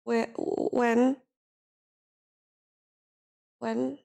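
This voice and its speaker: Woman streamer, high and gravelly, slow, tired and teary, casual chat. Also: level tone, warm tone. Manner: emotional, thanking viewers, near tears.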